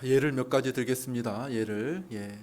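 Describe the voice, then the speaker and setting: A man's voice: medium pitch, moderate pace. A male pastor preaching a Sunday sermon, telling stories and acting out voices of patients and doubters. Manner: animated preaching, acts out patients and doubters in raised voice.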